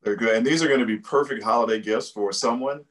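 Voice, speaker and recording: Fast-talking guy host hyping products, asks lots of questions, video call sound. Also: mid-range voice, fairly bright tone. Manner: upbeat, prompting questions, quick. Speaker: livestream host. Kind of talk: casual interview chat.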